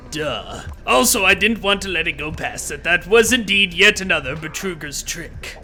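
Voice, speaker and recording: A man's voice: high-pitched, pushed and bright, slight background noise, full character voice. A man hosting a game playthrough while putting on a pompous, gloating male villain who is a demon-pact scientist, talking theatrically and sarcastically and stretching out dramatic words. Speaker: let's play host. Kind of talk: villain-persona game commentary.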